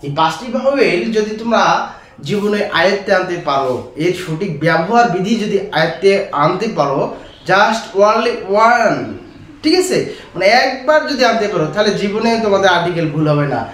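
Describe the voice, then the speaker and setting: High-voiced man teaching in an echoey room. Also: lively intonation, moderate pace, fairly bright tone. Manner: repetitive, checks in with "right?" often. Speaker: English grammar teacher. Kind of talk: classroom grammar lesson. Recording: echoey room, mic far away.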